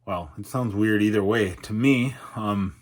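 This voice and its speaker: A middle-aged man with a lowish, husky voice talks in a candid, unscripted way. He pauses and feels for his words reflectively, and his articulation is slightly off from numbness on one side of his face. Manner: halting, reflective, hesitant. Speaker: YouTuber and podcaster. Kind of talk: candid personal vlog, unscripted.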